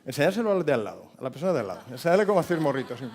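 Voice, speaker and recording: A man's voice: a little high, sing-song, rapid-fire, darkish tone, a faint crowd. A man in his fifties with a Spain Spanish accent gives a motivational talk. He tells stories, jokes with the audience and asks it questions. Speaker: speaker at a hospitality forum.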